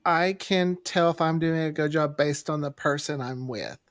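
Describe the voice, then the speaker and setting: A man's voice: a little high, normal speed, fairly bright tone. A man chatting casually and candidly as a podcast co-host, playful and prone to wandering off topic. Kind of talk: casual chat.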